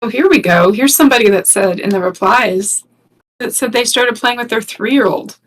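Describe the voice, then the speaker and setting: A woman's voice: a little high, normal speed, recorded from a distance. A woman co-hosting a casual talk stream, chatty and laughing as she reads posts aloud. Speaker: podcast co-host.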